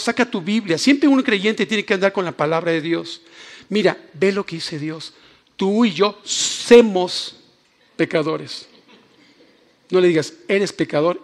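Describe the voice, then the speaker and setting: A high-pitched man delivers an animated sermon to a church audience. He swings between tender, emotional passages and playful jokes, addressing listeners directly. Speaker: preacher. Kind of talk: lively sermon. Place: church hall.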